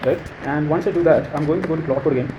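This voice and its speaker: A man with an Indian accent talking through his screen in a casual walkthrough, thinking aloud and pausing on fillers. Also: on the high side, noisy background. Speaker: creator.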